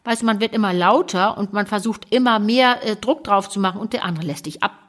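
A woman co-hosting a conversational talk show as a relationship expert, talking in a lively, animated way and acting out quoted voices. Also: medium pitch, a little fast. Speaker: podcast co-host, relationship expert.

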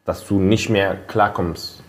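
A man's voice: sits low, steady tone, slow. A man co-hosting a podcast in casual chat, laid-back and slangy, often checking in with his listeners with "you know". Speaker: podcast co-host.

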